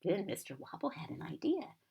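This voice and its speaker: A sweet old American lady, a grandmother, reads a picture book aloud to a child in a gentle, breathy, husky near-whisper with chatty asides. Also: on the low side, wildly swooping pitch, fairly quick, lo-fi sound, slight background noise. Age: older.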